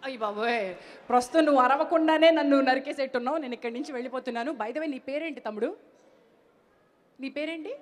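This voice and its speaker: A woman hosts a live event on a handheld mic, talking to the crowd in a playful, lively way. Her voice is high. The sound carries a long reverb from a large hall. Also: fast, slight background noise. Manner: lively, playful, mixes English phrases into her talk. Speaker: event anchor. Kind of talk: live stage hosting. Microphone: handheld stage mic.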